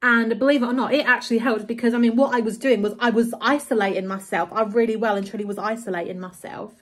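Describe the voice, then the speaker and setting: A woman's voice: on the high side, fairly even intonation, quick pace. A woman talking casually at home into a handheld phone, rambling, with lots of "like" and "you know". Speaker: vlogger. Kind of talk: casual confessional vlog. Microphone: handheld phone camera.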